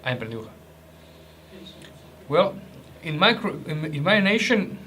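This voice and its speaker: A man's voice: on the high side, sing-song, takes it slowly, sharp tone, slight background noise. Joking man tasting rations. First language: Croatian. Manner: chatty, joking, restarts and hesitations. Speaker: ration reviewer. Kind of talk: casual food review vlog.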